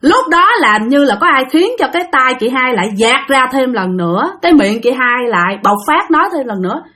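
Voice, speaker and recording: A woman narrates a spooky story, chatty and conversational. She talks straight to her listeners as she goes. Her voice sits a little high. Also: lively intonation, fairly quick, pushed and bright. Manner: chatty, addresses listeners directly.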